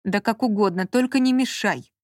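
Женщина в аудиокниге читает реплики ворчливого раздражённого мужчины, занятого делом. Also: female voice, medium pitch, moderate pace, dry recording, studio quality, lightly acted. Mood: irritated. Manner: grumbling, irritable, muttering. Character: grumpy man absorbed in work, snappish. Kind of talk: audiobook character reading.

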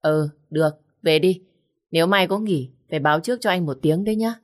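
A woman voicing a cautious male restaurant manager who talks slowly and carefully. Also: on the low side, close to an everyday voice. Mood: curt. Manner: slow, measured, hesitant.

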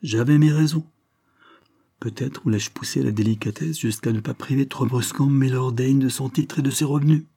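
A man reading the part of an older lord, mocking and secretive, speaking in a wry, measured way. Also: medium pitch, fairly even intonation, creaky, warm tone, no room sound, clean studio sound, voice pushed up.

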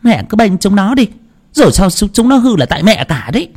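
A man voicing a sharp-tongued, quick-tempered young mother in a storybook tale. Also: high voice, sing-song, slightly rough, pitched above the performer's own voice, exaggerated voice. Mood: reproachful. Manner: snappish, reproachful.

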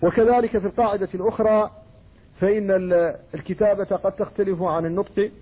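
A male scholar from Mauritania lectures in a measured, explanatory way, his voice set high with a husky, breathy grain. The recording is dull and lo-fi, as if the highs were shaved off. He moves steadily from rule to example like a patient teacher. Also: fairly even intonation. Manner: measured, explanatory, reciting quoted verses and poetry. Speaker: Islamic scholar teaching Quran recitation. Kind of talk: classroom lecture.

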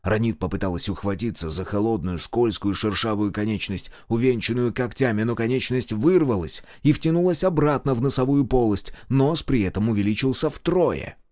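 A man narrating a horror audiobook in a dramatic, expressive way. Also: mid-range voice, normal speed, few pauses, no echo, clean studio sound. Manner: dramatic, acts out characters.

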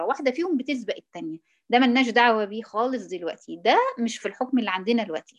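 A woman's voice: fairly high pitch, highs cut off. A woman with an Egyptian accent teaching Quran recitation rules, patiently quizzing and praising her students. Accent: Egyptian Arabic. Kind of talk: online tajweed lesson.

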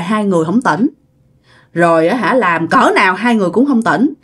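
A woman storyteller, narrating a ghost story casually. Her voice sits a little high and moves a lot, rising and falling as she talks. She chats straight to her listeners. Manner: chatty, addresses listeners directly.

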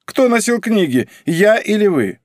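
Brief: nervous cowardly clerk, read by a man, husky whining mutter, pitched high, bone-dry studio sound. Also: big pitch swings, a little slow, no room sound. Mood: indignant excited. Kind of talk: audiobook character voice.

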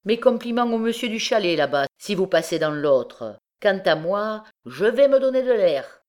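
A woman's voice: mid-range voice, sing-song, normal speed, a little mellow, pitched above the performer's own voice, lightly acted. A woman reading an audiobook, voicing a sly, mocking old male beggar turned bandit.

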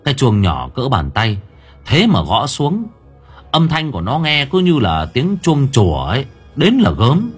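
A man narrating a ghost story audiobook in an expressive, dramatic way. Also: medium pitch, a little slow. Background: soft background music.

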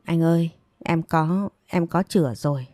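A woman's voice: deep voice, unhurried, mellow, no echo, faint music behind. Woman doing a stubborn young village girl, talks back, dry close sound. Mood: pleading. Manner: defiant, pleading.

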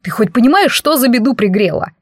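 A woman's voice: on the high side, expressive, fairly quick, no echo, studio quality, pitched above the performer's own voice. A woman voicing a brash, arrogant male werewolf in an audiobook, smug and condescending. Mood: smug flirting.

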